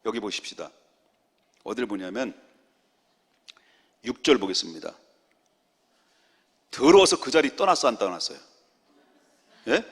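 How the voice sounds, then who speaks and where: A middle-aged man, a senior pastor, preaching a lively sermon and joking with his congregation. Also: on the low side, measured pace, pauses often, slightly rough. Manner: animated, jokes with the congregation, acts out quotes. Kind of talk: lively Friday prayer-meeting sermon. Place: church sanctuary. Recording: long church hall reverb.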